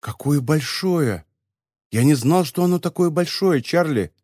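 A man voicing Marlowe, a wondering young boy who talks softly and in awe, in an audiobook. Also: on the high side, lively intonation, unhurried, no room sound, clean studio sound. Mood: awed.

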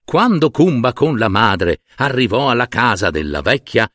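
A man reading a fairy tale aloud in an expressive, theatrical storytelling manner, close to the mic. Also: mid-range voice, moderate pace, no room sound. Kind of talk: scripted fairy tale narration.

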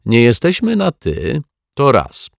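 A man voicing a calm, clever male detective in a children's story, speaking in a matter-of-fact way. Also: mid-range voice, slow pace, vocal fry, dry recording, studio quality, voice pushed up, full character voice.

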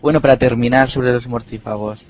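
A man's voice: mid-range voice, fairly even intonation, a little fast, darkish tone, lo-fi sound. Man moderating a debate. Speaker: podcast host.

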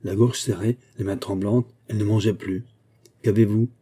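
A man narrating a classic novel as an audiobook, in a measured, expressive reading. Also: fairly low pitch, breathy edge.

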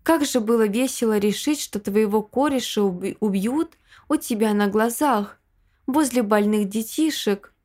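A woman's voice: fairly high pitch, a little slow, a little mellow. A woman voicing a cruel male murderer who forces out a strained, gloating confession, in a Russian audiobook.

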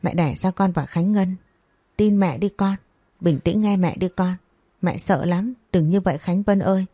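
A woman's voice: lowish voice, moderate pace, dark tone, breathy edge, no echo. Scolding middle-aged mother, read by a woman. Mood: pleading. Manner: harsh scolding.

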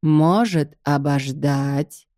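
A woman's voice: sits low, drawn-out words, mellow, dry recording, studio quality, pitched below the performer's own voice. A woman doing a teasing, stubborn young lover. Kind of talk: audiobook dialogue.

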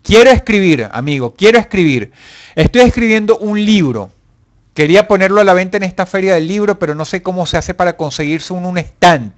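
High-voiced profane man. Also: fairly quick. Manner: profane, mock-angry and joking, reading viewer comments aloud. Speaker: live-stream host. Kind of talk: casual live chat.

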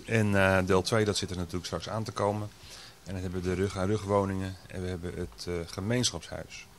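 A man's voice: sits low, steady tone, brisk, a bit bright, a little hiss or hum. A man hosting a local radio show, chatting casually and leading the conversation. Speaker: radio host.

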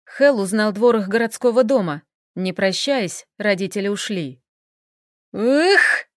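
A woman narrating a fantasy romance audiobook in an even, storytelling delivery. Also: medium pitch, normal speed, no echo, clean studio sound.

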